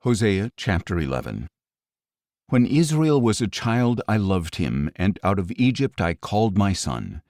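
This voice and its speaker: A man narrating an audio Bible in a measured, solemn scripted reading, his lines falling at the ends. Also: fairly low pitch, big pitch swings, darkish tone, no echo, studio quality. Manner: measured, solemn delivery with falling line endings.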